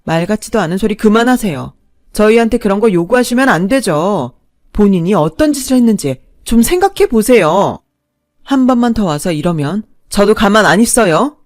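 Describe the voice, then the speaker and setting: A woman's voice: mid-range voice, lively intonation, normal speed, darkish tone, no room sound, studio quality, lightly acted. A woman voicing a resolute young wife speaking firmly and coldly. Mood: defiant. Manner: firm, cold. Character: resolute young wife standing up to her mother-in-law.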